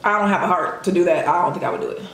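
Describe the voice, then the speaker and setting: A woman's voice: lowish voice, expressive, very fast. Very echoey woman chatting over a meal. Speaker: co-host of mukbang video. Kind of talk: casual chat while eating. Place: indoor room at a table, eating. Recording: very echoey room, faint noise.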